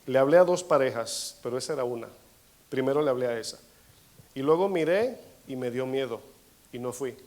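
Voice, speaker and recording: A man's voice: medium pitch, lively intonation, fairly quick. A man preaching a sermon as pastor, telling a personal story and calling the listeners brothers. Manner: acts out dialogue, swings between soft asides and raised bursts.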